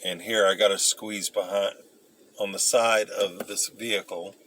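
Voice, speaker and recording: A man casually rambling through old memories, halting and hesitant as he searches for details. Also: fairly low pitch, fairly even intonation, fairly bright tone. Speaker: vlogger recounting memories. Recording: noisy, with vehicle and ambient sound.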